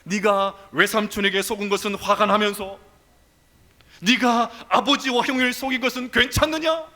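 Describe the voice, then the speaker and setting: A man's voice: very high-pitched, bright, forceful tone, in a large hall, voice pushed up. A man preaching speaks as God, rebuking sternly.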